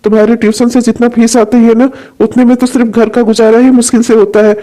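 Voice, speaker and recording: A man's voice: very high-pitched, level tone, fast, warm tone. A man voicing a worried jobless husband and father in a cartoon, who talks in an anxious, despairing way. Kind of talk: cartoon dubbing.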